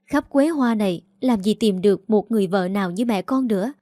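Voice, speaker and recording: A woman voicing a headstrong, outspoken young daughter who talks quickly and heatedly. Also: medium pitch, dark tone, no echo, studio quality, natural voice. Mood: heated defiant.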